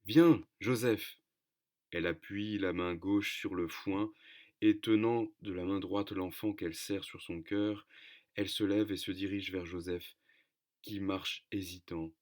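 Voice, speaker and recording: Slow, deep-voiced man reading reverently. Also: flat delivery, darkish tone. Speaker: narrator. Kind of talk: devotional scripture-style reading.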